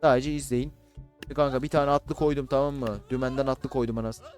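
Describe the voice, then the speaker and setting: A man giving casual, excitable commentary on a battle game, swearing and shouting at the units he controls. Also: medium pitch, brisk, soft background music. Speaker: gaming YouTuber. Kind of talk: casual Let's Play commentary.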